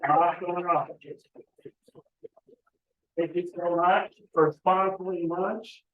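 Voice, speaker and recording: A man's voice: high voice, steady tone, takes it slowly. A man emceeing a team meeting in an upbeat, joking manner. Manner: upbeat and jokey. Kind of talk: casual meeting hosting. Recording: roomy, distant, dull sound.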